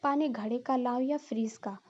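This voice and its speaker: Woman voicing a naive cartoon daughter-in-law, earnest, high mellow voice, dull lo-fi sound. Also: normal speed, natural voice. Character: silly literal-minded young daughter-in-law.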